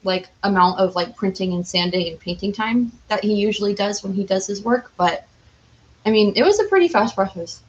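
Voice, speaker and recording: On a podcast, a young female guest rambles enthusiastically and casually, with "like" turning up again and again. She talks briskly in a mid-range voice, captured in lo-fi sound.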